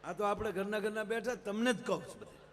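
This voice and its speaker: A man telling humorous stories to a big live audience, acting out quick exchanges between characters. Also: sits high, long reverb tail, slight background noise. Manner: lively storyteller, quick character exchanges, addresses audience as sir. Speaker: folk comedian on stage. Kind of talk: live stage humor storytelling. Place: large stage event.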